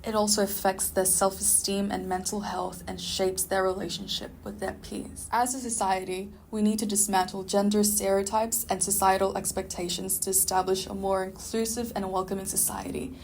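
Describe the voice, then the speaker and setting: A woman, a student presenter reading a prepared script in a podcast, measured and even. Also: medium pitch, slight background noise.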